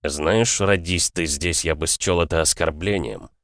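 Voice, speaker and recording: A man voicing a calm older aristocrat father in an audiobook, measured and coldly matter-of-fact. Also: extremely low pitch, dry recording, studio quality, heavily acted. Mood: cool. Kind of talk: audiobook character voice.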